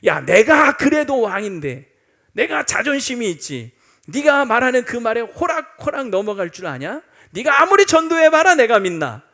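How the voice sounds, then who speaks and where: A proud king, voiced by a preaching man who will not be talked into anything. He answers with haughty defiance, and his pitch climbs as his stubbornness rises. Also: big pitch swings, moderate pace, bright, forceful tone, exaggerated voice.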